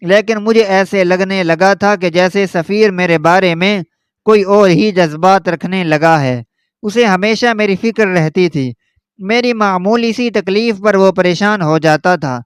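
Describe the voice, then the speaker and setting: A man with a high, smooth voice tells a first-person story in a steady, earnest manner. The sound is dry and close, with no room around it. His tone stays resonant throughout. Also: no room sound.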